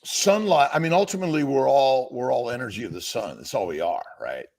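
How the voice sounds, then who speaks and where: A man's voice: mid-range voice, expressive, brisk, gravelly, darkish tone. A man hosting a live health talk show, rambling and repeating words as he quizzes his guest. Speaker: doctor and show host. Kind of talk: casual livestream talk.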